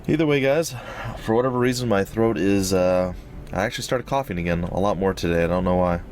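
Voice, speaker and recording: A man with a slightly wheezy, breathy-noisy voice giving casual, rambling, jokey commentary as host of a gaming let's play. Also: low-pitched, a little fast, a little mellow. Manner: rambling, jokey, repeats phrases for effect.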